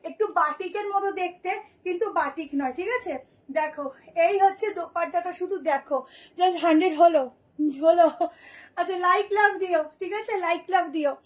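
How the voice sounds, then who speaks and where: Very high-pitched hoarse chatty woman. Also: brisk. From Kolkata, India. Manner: chatty, nonstop talker. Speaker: boutique seller. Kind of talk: live sales showcase.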